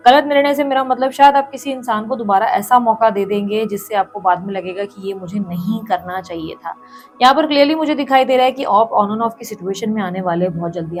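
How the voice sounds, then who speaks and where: A woman tarot reader who speaks straight to the viewer, repeats her points for emphasis and calls on the universe between cards. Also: mid-range voice. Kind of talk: tarot reading to camera.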